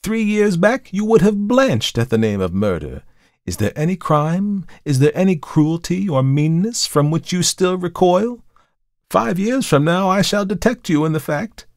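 A man voicing a calm, knowing male visitor who judges a murderer in a measured, coolly insistent way, in a dramatic audiobook reading. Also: high-pitched, no echo, clean studio sound, voice pushed up, exaggerated voice. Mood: accusing.

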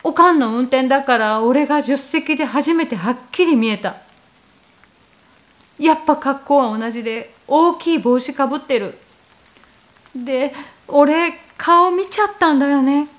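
A woman's voice: high voice, unhurried. A woman reading a first-person horror story aloud in a casual, conversational way. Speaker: ghost story reader.

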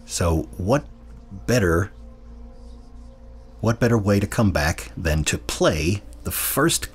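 An American man in his thirties talks through a game as a casual let's-play host, often trailing off and correcting himself. His voice sits very low with a husky edge. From United States. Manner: rambling, self-correcting, chuckling asides. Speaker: gaming channel host.

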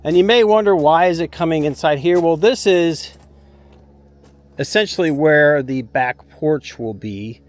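A man in his fifties with a fairly high voice and lively intonation talks at a measured pace as he shows off his home build. The casual, plain-spoken vlog walkthrough is shot outdoors at a concrete foundation site on a handheld camera at arm's length.

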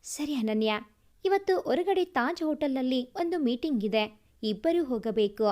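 A woman voicing a calm, concerned male colleague. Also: high voice, moderate pace.

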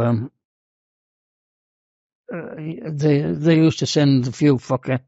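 An elderly man recalls wartime patrols in a mellow, dark voice, pausing often with ums and uhs. The recording is dry and a little dull, lacking top end. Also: medium pitch, no echo. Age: older. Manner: hesitant, many "um" and "uh", gentle. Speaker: wartime flying boat crewman recalling service. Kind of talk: reminiscing interview.

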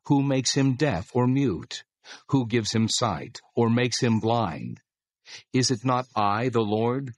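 A man's voice: medium pitch, expressive, slow pace, dry recording, clean studio sound. An actor playing God as a solemn, commanding male deity in a dramatized scripture reading. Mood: stern.

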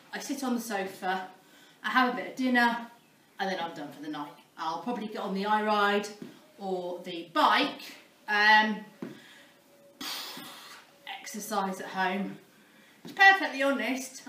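A woman's voice: mid-range voice, animated, a little slow, long pauses, sharp tone, far from the mic, slight background noise. Breathless, self-mocking woman, echoey barn. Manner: self-deprecating, many ums. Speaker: vlogger documenting a fitness start. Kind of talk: casual self-filmed vlog. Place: barn, indoors.

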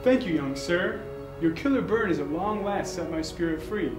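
An actor voicing a freed spirit who speaks formally and politely in a comedy sketch. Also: male voice, sits high, lively intonation, normal speed, echoey room, over music. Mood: grateful.

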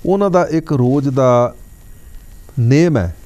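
A man giving a religious talk on TV, telling a parable and chanting scripture lines slowly. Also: mid-range voice, mellow, lo-fi sound. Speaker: religious speaker. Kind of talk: religious discourse on TV.

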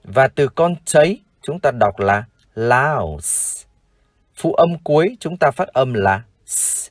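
A Vietnamese-accented male teacher formally addresses his dear viewers and drills English words one at a time. He speaks very slowly, with a pitch that rises and falls a lot. The sound is dry and close, with no room echo. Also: lively intonation. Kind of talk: slow, formal vocabulary lesson.

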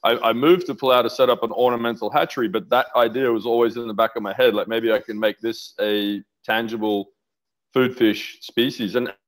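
A middle-aged man speaks briskly in a steady, mid-range voice, captured in low quality. He is an aquaculture researcher giving a casual interview over video call, wearing a headset in his home office, and he rambles with enthusiasm and restarts while describing his research.

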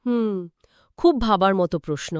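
Smooth-voiced woman co-hosting a history chat. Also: medium pitch, normal speed, a little mellow, no room sound, clean studio sound. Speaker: co-host. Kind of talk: scripted two-host history chat.

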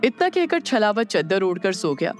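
Audio drama narrator, steady storytelling, middle pitch, faint music beneath. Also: normal speed.

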